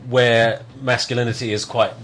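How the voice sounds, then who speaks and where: This male interview host has a medium-pitched, bit bright voice with little pitch movement and a moderate pace. In a casual chat, he poses long, searching questions, rambling and restarting as he circles back.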